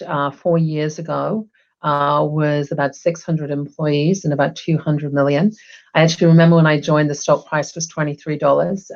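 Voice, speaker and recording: Over a video call from her home, an English HR executive in middle age chats cheerfully as an interview guest, saying um a lot. Her voice sits low and the audio is dull.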